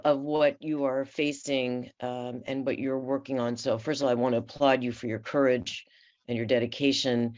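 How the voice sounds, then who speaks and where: A woman from the San Francisco Bay Area who sits on a commission, questioning panelists at a formal hearing in a measured, polite way with frequent fillers. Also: extremely low pitch. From San Francisco Bay Area, USA. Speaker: commission member. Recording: muffled, slightly dull audio.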